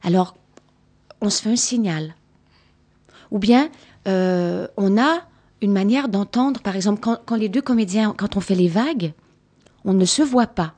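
A woman's voice: mid-range voice, unhurried, long pauses, a little mellow. A woman from Canada, a stage actress patiently explaining theatre work to children and repeating words for emphasis. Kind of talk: answering children's questions after a show.

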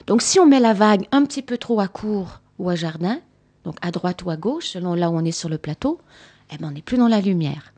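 A woman's voice: fairly low pitch, lively intonation, fairly quick, dark tone. A woman from Canada, a stage actress patiently explaining theatre work to children and repeating words for emphasis. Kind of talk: answering children's questions after a show.

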